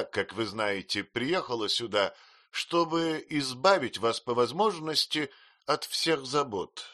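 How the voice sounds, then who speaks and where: A man's voice: mid-range voice, pitched above the performer's own voice, heavily acted. A man doing a domineering stern spinster. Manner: crisp, imperious, loud.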